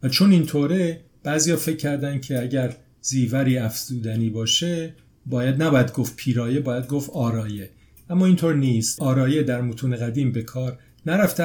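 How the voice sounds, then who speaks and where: A man's voice: mid-range voice, darkish tone. A man hosts a discussion in a conversational way. He adds his own thoughts, then steers the talk on to the next point. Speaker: host.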